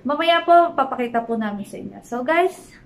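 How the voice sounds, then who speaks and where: A woman's voice: high voice, expressive, moderate pace, poor audio. A young woman hosting a casual vlog, chatty with sing-song greetings and frequent laughter, recorded while out commuting. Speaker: vlogger host. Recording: phone vlog with vehicle noise.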